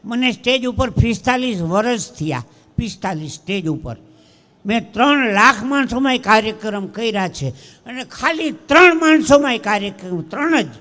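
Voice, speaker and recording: High-voiced Kathiawadi comedian on stage. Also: male voice, expressive, normal speed, pushed and bright, big-room sound. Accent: Kathiawadi Gujarati. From Dwarka, Saurashtra, India. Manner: storytelling with punchlines, acts out voices. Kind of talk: live stand-up joke telling. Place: outdoor fair stage before a crowd.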